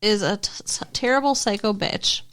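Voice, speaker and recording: A woman's voice: medium pitch, normal speed, a bit bright, clear, resonant tone. A woman co-hosting a podcast, recapping a TV episode in chatty, wry casual conversation and swearing casually. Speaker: podcast co-host.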